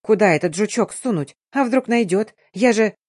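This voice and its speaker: A woman voicing a scheming, jealous middle-aged stepmother who turns shrill, tearful and defiant, in a dry audiobook reading. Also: expressive, normal speed, a little mellow, no echo, close to an everyday voice. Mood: frantic whisper. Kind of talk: audiobook character voice.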